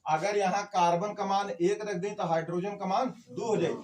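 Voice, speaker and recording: A man's voice: sits high, steady tone, moderate pace, distant mic. A man teaching a chemistry class, quizzing the students and answering his own questions. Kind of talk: classroom lecture.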